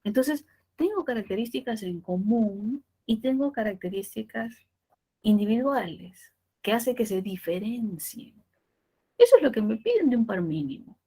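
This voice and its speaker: A woman's voice: on the high side, very animated, mellow, husky. Woman teaching with rhetorical questions. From Peru. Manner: explains step by step with rhetorical questions and tag checks; stretches key terms slowly for emphasis. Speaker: language teacher. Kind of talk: pre-university class lecture.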